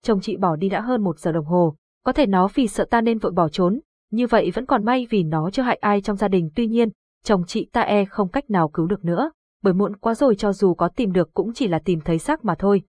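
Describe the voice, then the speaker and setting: A grave old exorcist master, as a woman narrator puts him on, giving solemn and measured warnings in an audiobook ghost story. The voice is dry and close, with no room sound. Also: mid-range voice, a little mellow, slightly rough, no echo, lightly acted.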